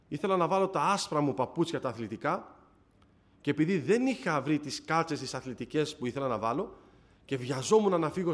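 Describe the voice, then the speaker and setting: A man giving a personal religious testimony to a congregation, telling it dramatically, rising loud then dropping to a hush. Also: a little high. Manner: dramatic storytelling, swings between raised and hushed voice.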